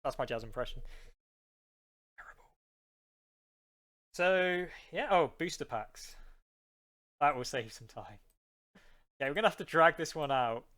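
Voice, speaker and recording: A man's voice: a little high, lively intonation, a little slow, pauses often, fairly bright tone. A man streaming a card game live, chatting casually with his viewers and rambling between plays.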